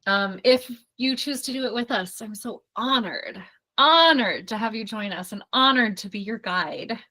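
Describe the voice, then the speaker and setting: A woman's voice: a little high, lively intonation, normal speed, bright, forceful tone. A woman hosting a live online workshop, speaking effusively and reassuring her audience over a video call. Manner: effusive, affirming, talks straight to the audience. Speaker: workshop host and studio founder.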